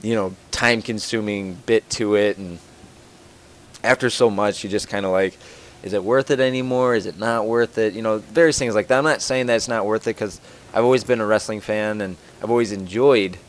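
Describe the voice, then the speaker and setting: Low-voiced rambling young man podcaster. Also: a little hiss or hum. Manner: rambling, joking, lots of fillers and restarts. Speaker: podcast host. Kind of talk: casual podcast chat answering listener questions.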